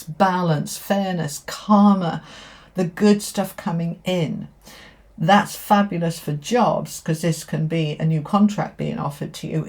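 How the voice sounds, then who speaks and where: A woman with a low-pitched voice reads tarot for her viewers. She talks directly to the listener in an emphatic, affirming manner, often repeating phrases for weight. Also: darkish tone. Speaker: tarot reader. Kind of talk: spoken tarot reading to viewers.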